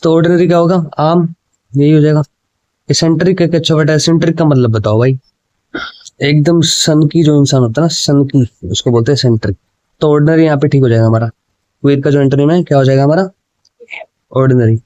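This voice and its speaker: Man, casual exam prep teacher, mellow voice, reads questions slowly, then chats them through in Hindi and English. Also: a little high, no echo. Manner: explains in Hindi with English words, often says "ठीक है" and "भाई".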